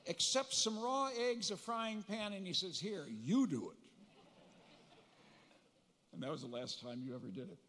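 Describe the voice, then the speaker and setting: A man's voice: high-pitched, a little hiss or hum. Older man giving a eulogy in a reverberant hall. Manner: reminiscing storyteller, gentle humor, pauses to recall. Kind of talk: funeral eulogy. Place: large funeral hall. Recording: long reverb of a large hall.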